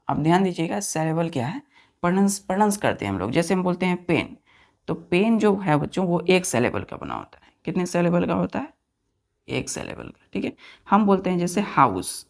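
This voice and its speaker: Gravelly male English teacher quizzing students. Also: sits high. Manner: repeats words and quizzes the class often. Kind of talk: classroom lesson in spoken Hindi.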